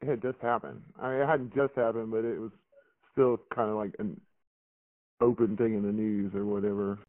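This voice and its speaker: A man, recalling a past event in a rambling, halting way full of fillers and restarts. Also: on the low side, fairly even intonation, no room sound. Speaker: interviewee recounting a past event. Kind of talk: casual recollection on a phone interview. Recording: tinny phone line, dry.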